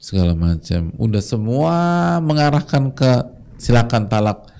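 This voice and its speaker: Low, gravelly-voiced male preacher. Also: animated, measured pace, dark tone. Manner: casual and chatty, briefly mimics congregants' voices. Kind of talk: sermon to a congregation.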